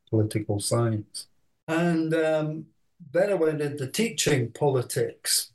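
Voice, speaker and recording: An older man from Scotland, an author answering interview questions in a thoughtful, halting way with many fillers. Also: mid-range voice, a little mellow. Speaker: author and researcher.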